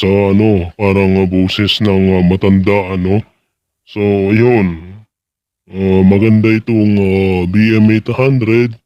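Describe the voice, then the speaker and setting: A man demonstrating audio gear, his voice run through a voice changer that pitches it deep, talking in a casual, halting way. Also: clean tone, no echo, clean studio sound. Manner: halting, searching for words. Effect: voice changer shifting pitch deep. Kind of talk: casual product demo.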